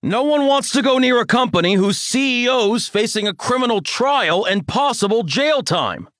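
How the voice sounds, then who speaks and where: A male narrator voicing an angry, bombastic father who lectures his son in a raised, high-strained voice. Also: animated, normal speed, no room sound, clean studio sound. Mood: furious. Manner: shouting, lecturing tirade.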